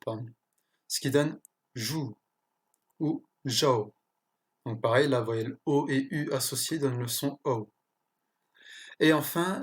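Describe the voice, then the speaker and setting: A language teacher with a medium-pitched voice explains pronunciation slowly and carefully. He pauses often and corrects small slips as he goes.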